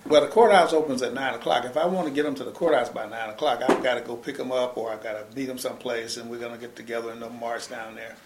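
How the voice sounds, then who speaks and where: An older man tells his story in an oral history interview. He talks fast and emphatically, circling back with restarts as he pushes his point. His voice carries a roomy echo. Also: medium pitch, steady tone, background noise. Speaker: interviewee, former civil rights organizer.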